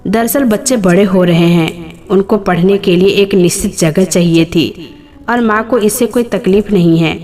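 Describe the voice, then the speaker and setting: A woman's voice: mid-range voice, a little slow, warm tone, soft background music, lightly acted. A woman voicing a dismissive, curt adult elder brother.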